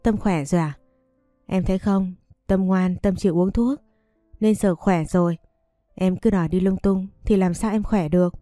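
A woman's voice: medium pitch, normal speed, mellow, dry recording, studio quality, faint music behind, natural voice. A woman reading as a grieving protective older sister. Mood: coaxing.

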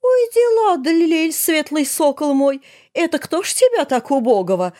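A woman's voice: high voice, sing-song, measured pace, husky, voice pushed up, heavily acted. A woman voicing a mother who coos in sing-song folk endearments. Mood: cooing.

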